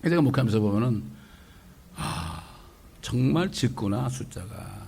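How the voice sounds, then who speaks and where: A middle-aged man preaching a conversational sermon as a pastor, lively and full of rhetorical questions. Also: medium pitch, measured pace, vocal fry, breathy edge. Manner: lively, asks rhetorical questions, acts out quotes.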